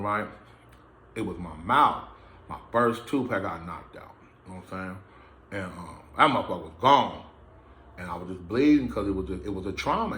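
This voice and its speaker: A man films himself under lights in an indoor room, telling a personal story to his camera in a blunt, streetwise way and swearing freely. His voice is lowish and a bit bright. The camera mic gives a roomy sound.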